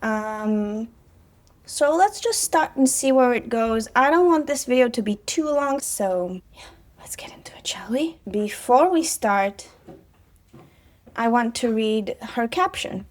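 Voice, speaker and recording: This Israeli woman, a personal trainer who vlogs, talks slowly in a fairly high, expressive voice. She chats casually on her vlog, tossing in sarcastic asides and lots of fillers.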